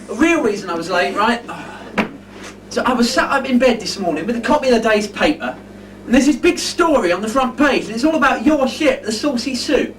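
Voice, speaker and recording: A man's voice: very high-pitched, expressive, brisk, a bit bright. A man playing a lazy, cheeky young shop assistant who jokes and chats with the audience, on an amateur village pantomime stage recorded from far off. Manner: cheeky, chatty, joking with the audience. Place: pub skittle alley stage with audience. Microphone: far audience camera. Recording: distant noisy live stage recording.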